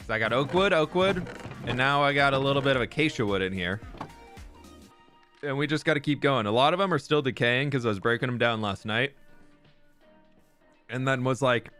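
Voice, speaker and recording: A man's voice: mid-range voice, pushed and bright. Chatty young man streaming casually. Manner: upbeat, chatty, greets viewers by name. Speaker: live streamer. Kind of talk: casual live-stream chat while gaming. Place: room at home.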